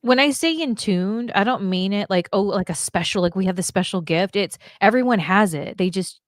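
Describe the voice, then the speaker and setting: A woman's voice: medium pitch, moderate pace, no room sound, clean studio sound. A woman guest chatting on a video call, rambling and full of "like". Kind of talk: casual chat.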